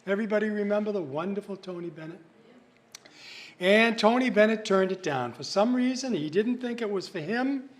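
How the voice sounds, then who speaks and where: A man's voice: high voice, expressive, moderate pace. Jokey male sing-along entertainer. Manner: jokey, folksy, chats with the audience. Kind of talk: chatty patter between songs. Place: live venue hall. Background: live instrumental music.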